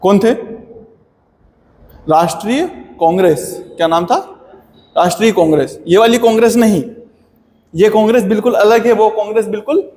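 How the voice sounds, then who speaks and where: A man's voice: high voice, normal speed, long pauses, a little mellow, long reverb tail. A man teaching a history lesson in a chatty, friendly way, calling his students "beta". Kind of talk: classroom history lecture.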